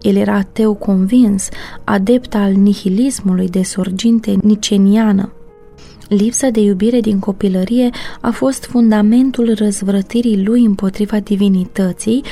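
A woman with a mid-range voice narrates a novel for an audiobook, telling the story in a steady, measured way.

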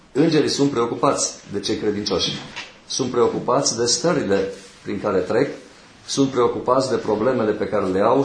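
Measured male preacher in echoey hall. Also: on the low side, slight background noise. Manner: measured, teaching through numbered points with pauses. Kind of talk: sermon.

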